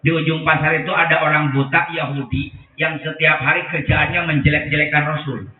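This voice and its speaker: A male preacher, telling a story with jokes and acted voices in a lively sermon. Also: a little high, fairly quick, recorded from a distance, a little hiss or hum. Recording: echoey phone-like sound from afar.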